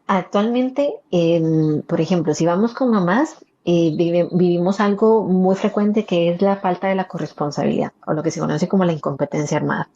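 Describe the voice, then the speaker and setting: A woman with a Costa Rican accent and a fairly low, mellow voice speaks at normal speed with few pauses. She is a perinatal psychologist appearing as a podcast guest, explaining things earnestly and using many fillers. The audio is dull and lo-fi.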